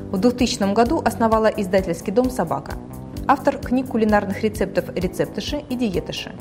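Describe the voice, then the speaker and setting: A woman reading a scripted voice-over introduction in a crisp, matter-of-fact way. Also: medium pitch. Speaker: announcer. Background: music.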